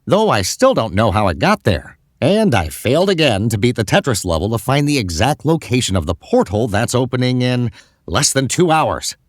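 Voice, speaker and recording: A man voices an earnest male alien gamer who explains things eagerly, pitching himself above his own natural voice. The delivery has a medium pitch with big swings at a normal speed, in clean studio sound with no room noise.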